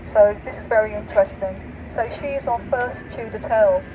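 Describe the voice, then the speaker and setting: Woman, middle-aged, high-pitched voice, walking tour guide, teacher-like explaining, outdoors, loud traffic noise. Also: brisk, highs cut off. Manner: teacher-like, informal, prompting listeners with questions. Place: outdoors on a busy city high street. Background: passing vehicles, city street ambience.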